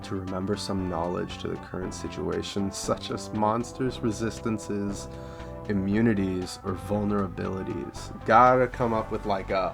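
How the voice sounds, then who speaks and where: Low-voiced man rambling through game rules. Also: vocal fry. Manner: rambling, repeats phrases, thinks aloud. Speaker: tabletop game content creator. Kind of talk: casual review of homebrew game rules.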